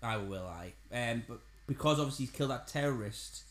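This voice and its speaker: A man's voice: medium pitch, a little fast. Man, casual podcast co-host, roomy recording. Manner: chatty, repeats himself, frequent "aye". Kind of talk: casual film chat. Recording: roomy echo.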